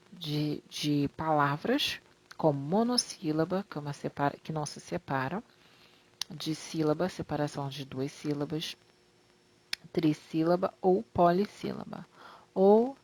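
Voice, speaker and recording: Woman, low voice, teacher, slide lesson, slow careful explaining, drawn-out example words, fond toward pupils. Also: a little mellow. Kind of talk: slide-based grammar lesson.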